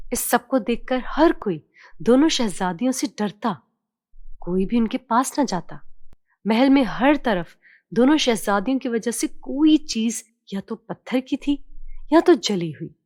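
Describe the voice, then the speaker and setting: A woman narrates a children's story in a fairly high, very animated voice. The recording is dry, with no room sound.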